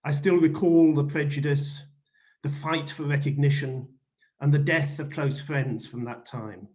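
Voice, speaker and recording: Male host, middle-aged or older, moderately high voice, deliberate formal delivery for introducing speakers. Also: fairly even intonation, darkish tone. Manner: courteous, deliberate.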